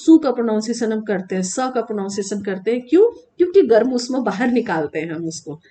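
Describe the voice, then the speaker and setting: A woman teacher explaining letters in a classroom lesson, asking the children questions and answering them herself, drawing sounds out slowly to demonstrate them. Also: fairly high pitch, expressive, warm tone. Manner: slow, drawn-out demonstration of sounds; addresses children, asks and answers own questions. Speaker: Sanskrit teacher.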